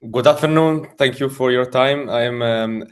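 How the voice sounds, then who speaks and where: A man's voice: mid-range voice, moderate pace. Young man, Italian accent, mid-range voice, polite self-introduction. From Genoa, Italy. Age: young adult. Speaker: intern, master's student.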